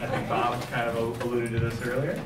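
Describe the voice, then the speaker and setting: A man's voice: medium pitch, completely flat delivery, fast talker. A man giving an informal wedding toast speech in a joking, teasing way, recorded from far off. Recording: echoey far-off mic, very noisy crowd.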